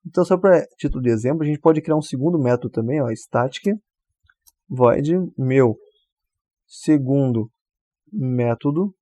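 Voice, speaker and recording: This is a relaxed programming tutor working through a screen-recorded coding lesson one step at a time, regularly checking with the viewer by saying "tá?". His voice sits in the mid range and moves a little slowly, with no echo.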